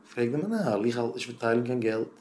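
A man giving an encouraging talk to teachers as a rabbi. He moves between quiet, low asides and loud, impassioned stretches. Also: lively intonation, fairly quick. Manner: swings from low murmurs to loud impassioned bursts. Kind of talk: Yiddish chizuk talk.

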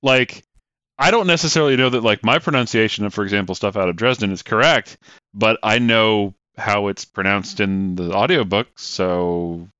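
A man's voice: on the low side, normal speed, sharp tone, clean tone, no room sound. A man co-hosting a podcast, chatting reflectively and letting his sentences trail off, on a slightly dull lo-fi mic. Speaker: podcast co-host. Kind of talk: casual chat.

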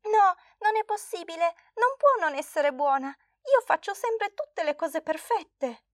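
A high, eager little girl's voice from a storybook, put on by a woman reading aloud. She is a proud nine-year-old perfectionist, boastful and sure of herself. Recorded close and dry. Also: lively intonation, normal speed, dry recording. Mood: tearful.

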